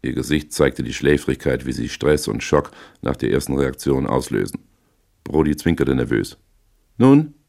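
A man reading a first-person crime novel aloud in a dry, measured way. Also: rumbling low, gravelly, a little mellow. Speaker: audiobook reader.

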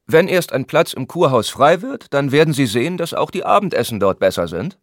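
A man voicing a gentleman who grumbles quickly about meals and money, in an audiobook reading. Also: medium pitch, big pitch swings, no echo, studio quality, voice pushed up. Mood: grumbling. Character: grumbling gentleman complaining about food and prices. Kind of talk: audiobook character voice.

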